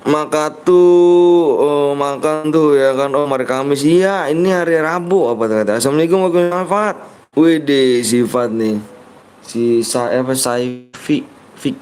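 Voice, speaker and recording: An Indonesian man live-streams a mobile game, joking in slang and reading his viewers' chat aloud in casual talk. His voice is medium-pitched, a little mellow and smooth, at a normal speed.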